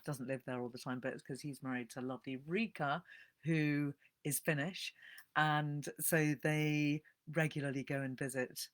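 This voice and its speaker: A woman, giving a casual, animated live-stream talk on books and greeting viewers as they join. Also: low voice, moderate pace. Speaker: bibliotherapist hosting a live book talk.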